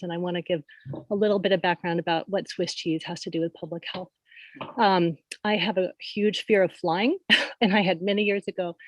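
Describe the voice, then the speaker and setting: A woman's voice: on the low side, dry recording. Casting: middle-aged woman doctor, nervous, chatty with fillers, dry close video-call sound. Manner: nervous, conversational, many fillers, light laughs. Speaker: primary care provider. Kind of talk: public comment at a forum.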